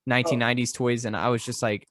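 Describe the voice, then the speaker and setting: A man's voice: mid-range voice, little pitch movement, fast talker, fairly bright tone, no echo. A young adult man co-hosting a podcast in casual chat, laid-back, swearing casually and laughing often. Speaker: podcast co-host.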